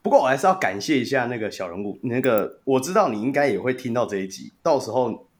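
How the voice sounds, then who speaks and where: Male podcast host, Taiwanese Mandarin accent, animated and quick to laugh, average pitch. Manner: laughs often, animated storyteller. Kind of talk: casual sports podcast chat.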